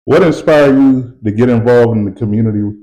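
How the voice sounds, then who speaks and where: A man hosting a podcast interview, asking casual, relaxed questions. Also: medium pitch, brisk, rough recording. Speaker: podcast host.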